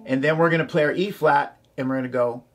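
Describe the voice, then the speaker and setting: This ukulele tutorial features a man speaking fast in a fairly high, steady voice, with music and ukulele playing in the background. He calls out the chords and strums and chants the rhythm syllables as he teaches.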